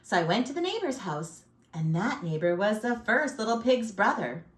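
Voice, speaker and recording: A woman's voice: mid-range voice, big pitch swings, normal speed, natural voice. A woman voicing a chatty, self-pitying male wolf who tells his own side of a storybook tale with folksy, theatrical flair. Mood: sly, aggrieved. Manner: folksy, sly, theatrical sneezes. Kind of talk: storybook read-aloud. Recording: echoey room.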